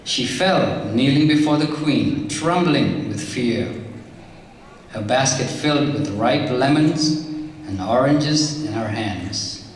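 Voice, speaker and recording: A man narrates a folk tale at a slow, measured pace, as a storyteller at a live skit. His voice sits in a middle pitch. It is picked up from far off in a large hall, with a long, ringing echo around every word. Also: lively intonation, slight background noise.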